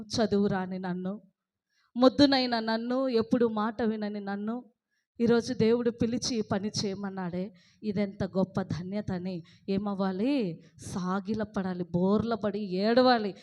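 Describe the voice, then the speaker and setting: A woman preacher giving an impassioned sermon, rising to loud exhortation and acting out people's pleading excuses. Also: medium pitch, steady tone, measured pace, lo-fi sound. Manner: acts out pleading excuses in a whiny voice.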